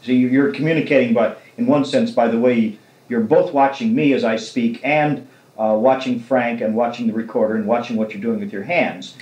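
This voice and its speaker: A man's voice: medium pitch, fairly even intonation, moderate pace, darkish tone, reverberant, rough recording. A man interviewing an author, musing at length about novels, heard on an old 1969 tape recording. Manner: reflective, long winding literary remarks. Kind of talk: conversational discussion.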